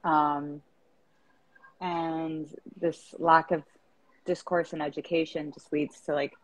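A woman's voice: low voice, level tone, takes it slowly, low-quality recording. A woman in her thirties from East Africa, a founder talking as an interview guest over a video call, chatty with lots of fillers and restarts.

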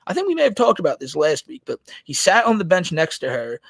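A man's voice: fairly high pitch, huge pitch swings, fast, creaky, a bit bright, dry recording. Crude mocking male podcast host. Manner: crude, mocking, talks to chat. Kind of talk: casual commentary podcast.

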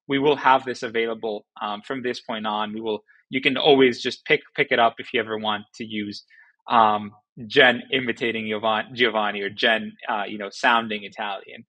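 A man casually explaining software features in a tutorial, relaxed, with frequent fillers and restarts. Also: mid-range voice, moderate pace, poor audio. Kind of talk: casual screen-recording walkthrough.

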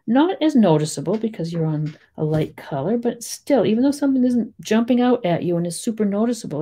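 A woman with a Boston accent giving a chatty, rambling step-by-step painting tutorial, full of gentle little asides. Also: on the low side, husky. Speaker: painting teacher.

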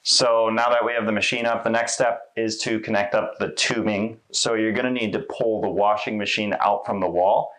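Lowish-voiced man explaining an install. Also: normal speed, few pauses. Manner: relaxed, conversational, with fillers. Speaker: installation demonstrator. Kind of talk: casual how-to walkthrough. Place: small indoor laundry room.

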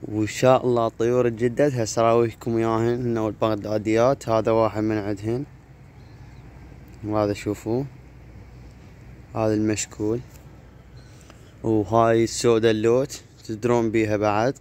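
Holding his phone to film an outdoor vlog, a man with an Iraqi Arabic accent talks casually about his pigeons on a rooftop yard with low brick walls. His voice is lowish and a little mellow, delivered flat and brisk, broken by long pauses. Faint background noise runs under the phone recording.

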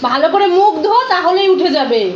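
A woman's voice: extremely high pitch, lively intonation, a little fast, lo-fi sound, a crowd in the background. A mother filming her small children, talking to them in a playful, coaxing way as she narrates. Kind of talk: casual family vlog narration.

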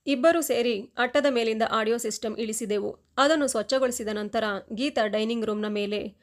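A woman narrating a first-person moral story with expressive, emotional delivery and voiced dialogue. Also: on the high side, normal speed.

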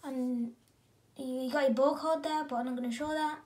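A female gaming vlogger who sounds excited as she unboxes and talks through a new console in a casual, rambling way, often correcting herself mid-sentence. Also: high voice, normal speed. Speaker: gaming channel host.

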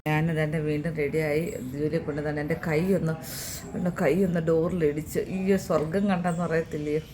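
A woman's voice: low-pitched, flat delivery, fairly quick, background noise. A middle-aged woman, chatting to the camera in a casual home vlog while doing chores with a sore, hurt hand. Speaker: home vlogger.

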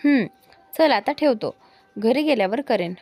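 A woman's voice: a little high, lively intonation, measured pace, a little mellow, soft background music, voice pushed up. A woman voicing a short-tempered young man who snaps back bluntly in a spoken storybook. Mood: irritated. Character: young man, irritable, quick to anger.

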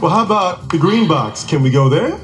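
A man's voice: on the high side, expressive, fairly quick. A man hosting a game show in a TV studio, talking a contestant through the game. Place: large TV studio. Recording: music and crowd behind. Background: music and studio audience.

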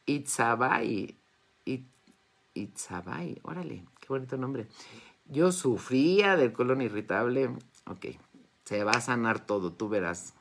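In a slow, sing-song way and with a rumbling low voice, a wellness and metaphysics teacher in her fifties with a Mexican accent gushes casually with followers during a live Q&A. The phone or tablet is held at arm's length indoors, in a home study with bookshelves.

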